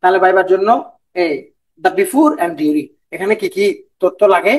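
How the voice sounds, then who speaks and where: This online lecture comes from a BCS viva coach, a man whose high-pitched voice moves at normal speed over poor audio. Speaking with a Bangladeshi Bengali accent, he repeats points frequently and mixes English in.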